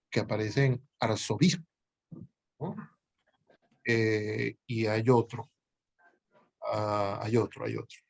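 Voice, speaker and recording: A male language professor explaining grammar to his students, patient and thinking aloud, with pauses and self-corrections. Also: mid-range voice, a little mellow.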